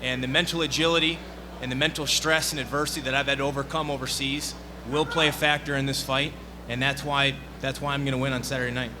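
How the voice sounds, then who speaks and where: A man's voice: mid-range voice, flat delivery, fast, hardly any pauses. A man answering assertively as a fighter at a press conference. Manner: assertive, forceful wording. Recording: noisy press conference room.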